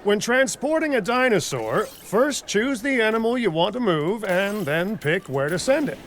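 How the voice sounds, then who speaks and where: An actor playing a flippant, self-serving dinosaur park boss in a video game, glib and joking. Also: male voice, high-pitched, big pitch swings, moderate pace. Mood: brisk explaining. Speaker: park boss giving instructions. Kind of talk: video game character dialogue. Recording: clear vehicle and outdoor ambience noise.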